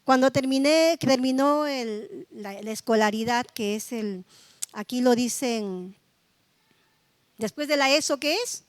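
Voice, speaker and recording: Speaking a little slowly in a high voice, a middle-aged woman pastor preaches in a conversational, testimonial style and frequently throws tag questions to her congregation. The recording is dry and close, with hardly any room echo.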